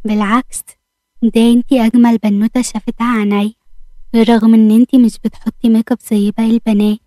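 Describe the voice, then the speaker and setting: A woman's voice: on the high side, little pitch movement, fast talker, dark tone, no echo, natural voice. A woman voicing a playful, affectionate young man in an Egyptian accent, read in a storytelling style. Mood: tender. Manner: playful, coaxing.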